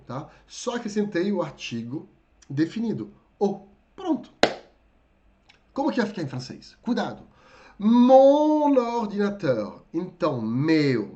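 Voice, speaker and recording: Lively hoarse-ish male teacher. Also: fairly high pitch, dull audio. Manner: lively, addresses viewers as "gente", frequent "tá?" check-ins. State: slightly hoarse, coughing a little. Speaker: French teacher. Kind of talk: live online lesson.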